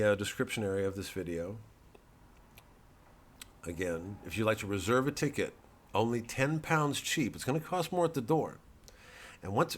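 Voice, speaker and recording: This comedian's voice is medium in pitch and slightly bright. Alone at the mic, he plugs his show and his shop in a loose, wandering monologue full of irreverence and swearing.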